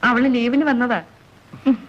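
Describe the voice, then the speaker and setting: An actress playing a caring housewife and older sister who gently teases a guest in a comedic film scene. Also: female voice, fairly high pitch, little pitch movement, a little slow. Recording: muffled film soundtrack with music.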